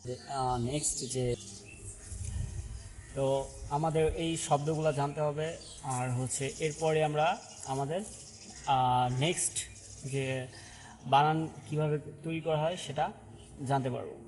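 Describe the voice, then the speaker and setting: A man gives an online pronunciation lesson, pausing often with fillers and restarts and checking in with the viewers. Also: fairly high pitch, fairly even intonation, a little mellow, long reverb tail, low-quality recording. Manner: halting, with frequent fillers and restarts, repeats "ঠিক আছে?" to check on viewers. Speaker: English pronunciation teacher.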